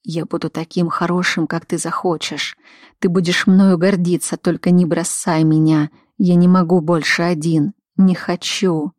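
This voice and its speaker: A woman voicing a desperate, pleading adult man, murmuring in a hushed, slow way. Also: lowish voice, flat delivery, no room sound, studio quality.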